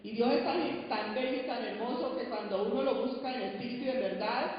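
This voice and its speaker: A woman's voice: on the high side, brisk. A middle-aged woman preaching with emotion, giving a personal testimony in a sermon. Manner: impassioned, pleading preaching. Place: large church hall. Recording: echoey church hall, dull lo-fi sound.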